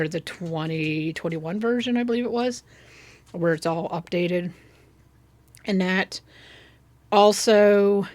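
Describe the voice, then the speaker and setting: A woman's voice: low voice, no room sound. A middle-aged woman casually chatting through her gameplay, rambling and sometimes coaxing in-game animals in a sweet sing-song. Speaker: gaming YouTuber.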